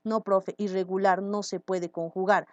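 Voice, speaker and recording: A woman's voice: mid-range voice, little pitch movement, unhurried, darkish tone, no echo, lo-fi sound, close to an everyday voice. A woman teacher acting out a pupil's answers during a grammar lesson. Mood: matter-of-fact.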